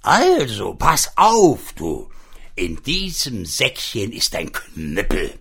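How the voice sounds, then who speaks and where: A man's voice: on the low side, huge pitch swings, takes it slowly, creaky, a bit bright, breathy edge, full character voice. A man voicing a knowing, conspiratorial magic pig in a comic storybook tale, lecturing as he explains a secret. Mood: sly.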